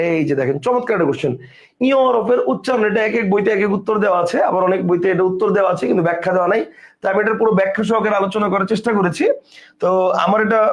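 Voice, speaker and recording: A man teaching an exam prep class, explaining step by step and asking and answering his own questions. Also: high voice.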